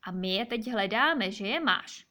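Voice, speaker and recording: A woman's voice: animated, sharp tone. A woman voicing a wise old female owl in a children's story, speaking firmly and inquiringly. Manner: firm, questioning, lower storybook voice.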